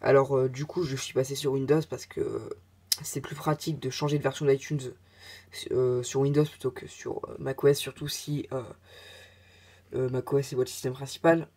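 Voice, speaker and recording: A man's voice: medium pitch, little pitch movement, normal speed, darkish tone, husky. A man narrating a casual tech tutorial, talking hesitantly with many filler sounds and chatty asides.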